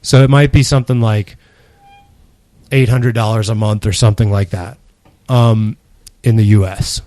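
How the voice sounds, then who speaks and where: A man's voice: fairly low pitch, steady tone, moderate pace, warm tone, no echo. A man co-hosting a podcast, casually explaining an idea at length with easy laughs. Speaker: podcast co-host. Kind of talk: casual chat.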